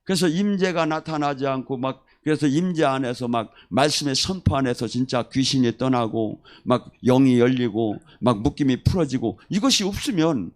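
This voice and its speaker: A man preaching a sermon as a pastor, telling testimony stories in an animated way and acting out the people he quotes. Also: medium pitch. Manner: animated storyteller who acts out quoted voices.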